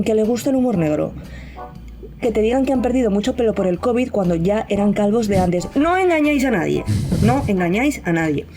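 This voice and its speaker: A woman with a Spanish accent from Spain, speaking with new braces that slightly impede her, delivering a deadpan, sardonic scripted comedy monologue. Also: medium pitch. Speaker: guest contributor to a podcast.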